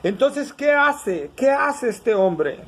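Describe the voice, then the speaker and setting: A man's voice: extremely high pitch, very animated, takes it slowly, low-quality recording. A pastor preaching a sermon, asking the congregation questions as he goes.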